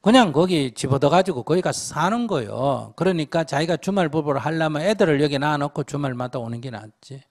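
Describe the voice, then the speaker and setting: A man's voice: a little high, animated, fairly quick, hardly any pauses. An older man, a Buddhist monk, bluntly advising a questioner in a Q&A talk, scolding and teasing. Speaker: Buddhist monk giving advice. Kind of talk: Q&A dharma talk.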